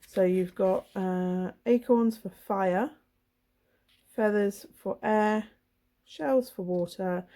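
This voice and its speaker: A woman with laryngitis chats casually and a bit apologetically while flipping through a tarot deck for her channel. Her voice is hoarse, husky and throaty, with a medium pitch and a dark tone.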